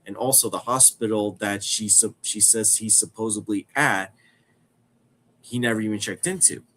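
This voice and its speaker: A man in his twenties speaks in a fairly low voice, congested from a cold. His nose sounds stuffy as he delivers casual film review commentary, often restating a phrase to stress it. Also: normal speed, a bit bright. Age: 20s. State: has a cold. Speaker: film review podcast host.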